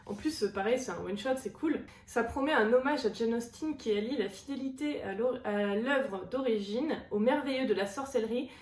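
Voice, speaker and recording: A woman's voice: on the high side, normal speed, few pauses, a little mellow, echoey room. A woman chatting casually about books she received, enthusiastic, with lots of fillers and repeated words. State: recovering from bronchitis. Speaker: book vlogger. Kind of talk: casual book haul chat.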